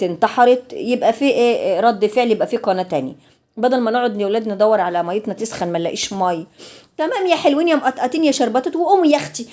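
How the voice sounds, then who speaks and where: A woman's voice: on the high side, darkish tone. An Egyptian woman vlogging while she cleans her home, chatty and teasing, calling her followers pet names. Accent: Egyptian Arabic. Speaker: vlogger and domestic worker.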